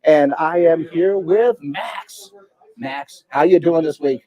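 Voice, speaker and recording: A man's voice: on the high side, slow pace, highs cut off. A man hosting a casual live talk show from a restaurant patio, chatty and folksy. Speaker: podcast host.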